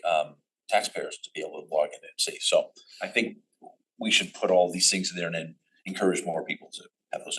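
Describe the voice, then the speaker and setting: Hesitant commission chair, low voice. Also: male voice, a bit bright, rough recording. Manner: halting, many ums and restarts. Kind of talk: public meeting.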